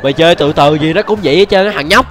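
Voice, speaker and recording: Guy doing a grumpy old dad, scolding fast and threatening, higher voice, game voice chat. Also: music in the background, close to an everyday voice. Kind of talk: prank voice chat during a mobile game.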